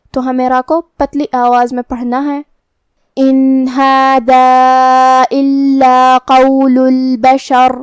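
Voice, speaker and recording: A woman's voice: sits high, darkish tone, no room sound, clean studio sound. A woman teaching Quran recitation rules step by step, explaining how each letter is pronounced in a methodical way. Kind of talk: tajweed lesson, explaining then reciting slowly.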